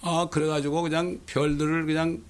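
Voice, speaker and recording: Male pastor, sermon, fairly high voice, animated with rhetorical questions. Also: moderate pace.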